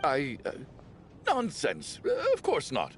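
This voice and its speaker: A man's voice: on the high side, huge pitch swings, slow pace, slight background noise, exaggerated voice. A man playing a blustering, suspicious, easily rattled man in a video game, with an exaggerated delivery. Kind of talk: animated game voice acting.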